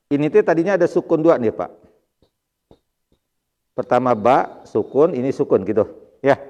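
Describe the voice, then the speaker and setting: A man teaching Arabic grammar to a mosque study class, reading phrases slowly and then explaining them quickly with a chuckle. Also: medium pitch, darkish tone, muffled recording. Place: mosque hall. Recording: long hall reverb.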